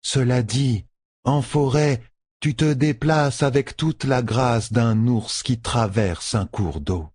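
Guy putting on a stern warrior woman, slow heavy hushed lines, higher than his own voice, dry close mic. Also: husky, no echo. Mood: terse. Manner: slow, weighty, hushed delivery. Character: stern foreign woman warrior, grave and terse. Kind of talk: audiobook character voice.

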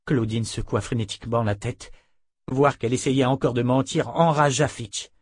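A male narrator reads a dark novel aloud at a steady, measured pace. His mid-pitched voice has a husky grain. The sound is dry and close. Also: dry recording. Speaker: audiobook narrator. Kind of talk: scripted narration.

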